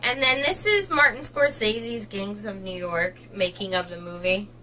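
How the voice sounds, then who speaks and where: A woman's voice: medium pitch, normal speed, pushed and bright, slight background noise, rough recording. A woman co-hosting a casual home video, chatty and giggly, often laughing between thoughts. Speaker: co-host of a book channel. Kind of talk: casual chat.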